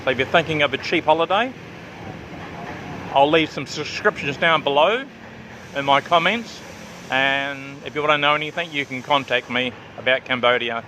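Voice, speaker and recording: On this low-quality recording with a little hiss or hum, a travel vlogger from New Zealand speaks in a sharp, higher-pitched voice at normal speed. With his New Zealand and Australian accent, he chats casually while touring an outdoor riverside cafe near traffic, often repeating himself for emphasis.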